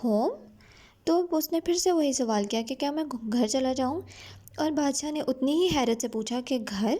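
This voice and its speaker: Brief: woman teacher, Pakistani accent, slightly high mellow voice, slow careful reading with explanations. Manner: reads English lines slowly then explains in Urdu. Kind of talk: reading a novel aloud and explaining it.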